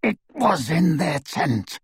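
A man voicing a savage male werewolf who rasps and snarls his words. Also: a little high, sing-song, takes it slowly, no room sound, studio quality, voice pushed up, heavily acted. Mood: menacing. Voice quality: rasping, snarling.

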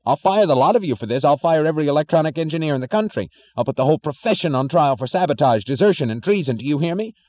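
A frantic, bullying official shouts orders in a strained, high, cracking voice, as a male reader puts him on. The sound is dull and lo-fi, like an older audiobook recording. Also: expressive, quick pace, hardly any pauses, no room sound, lightly acted. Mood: frantic rage. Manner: yelling, frantic, high-pitched outbursts.

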